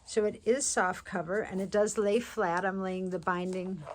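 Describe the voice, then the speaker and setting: Showing off her handmade journal in casual narration, a woman speaks in a steady, medium-pitched voice. Allergies leave her congested, and she's chatty and unhurried, with lots of fillers and restarts.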